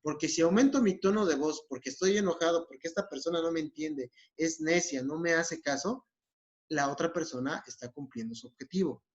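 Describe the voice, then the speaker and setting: A man's voice: a little high, a little fast. A man with a Mexican accent explaining a therapy technique in a recorded lesson, often checking in with his listeners. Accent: Mexican Spanish. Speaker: psychologist. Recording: dull lo-fi recording.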